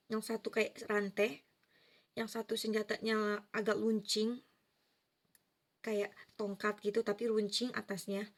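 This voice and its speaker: A woman's voice: mid-range voice, vocal fry, slightly rough. A woman telling a personal spiritual story in earnest, casual first-person testimony, with vivid detail and easy fillers. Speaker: vlogger sharing a personal story.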